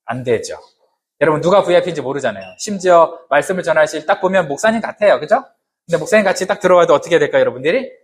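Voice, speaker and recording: Conversational Korean pastor preaching. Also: male voice, fairly high pitch, lively intonation, rapid-fire, a little hiss or hum. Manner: conversational, asks the congregation questions; humorous asides. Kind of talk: sermon.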